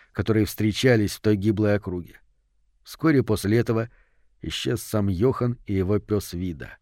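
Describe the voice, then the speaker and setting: A man narrating an audiobook in a measured, suspenseful way. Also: fairly low pitch, dark tone, dry recording, clean studio sound.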